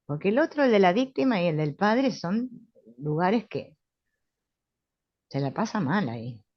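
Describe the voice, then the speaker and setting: A middle-aged woman with a Rioplatense Spanish accent, calmly and confidently teaching a spiritual therapy class, often asking "right?". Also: fairly low pitch, measured pace, no echo. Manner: calm, assured, with frequent tag questions. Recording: dull, lo-fi sound.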